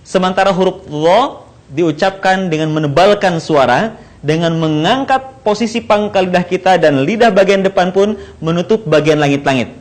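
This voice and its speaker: A man teaching how to pronounce Arabic letters, explaining slowly and repeating each sound in drills. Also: high voice. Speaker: Quran recitation teacher. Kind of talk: slow instructional explanation with recited drills.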